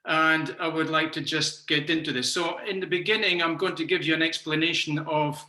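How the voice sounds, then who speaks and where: A Scottish man in his sixties, a macrobiotics teacher, gives an online talk over a video call, often saying um and uh. His fairly high voice is steady in tone, at normal speed, and sounds pushed and bright, with roomy echo on the recording.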